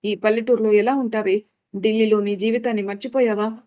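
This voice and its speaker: A woman's voice: mid-range voice, fairly even intonation, fairly quick, mellow, close to an everyday voice. A woman voicing an angry, controlling middle-aged mother who scolds her daughter in a storybook reading. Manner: scolding, indignant.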